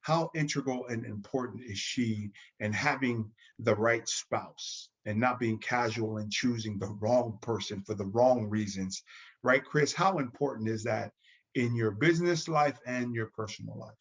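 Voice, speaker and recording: A man's voice: mid-range voice, a little slow, breathy edge. A man hosting an interview, asking long, winding questions. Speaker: host. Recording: dull, lo-fi sound.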